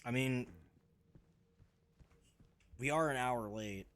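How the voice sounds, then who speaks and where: A man's voice: mid-range voice, slow pace, a bit bright. A man chatting casually with friends while streaming a game live, joking and laughing easily. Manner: chatty, laughs easily, bursts into silly voices.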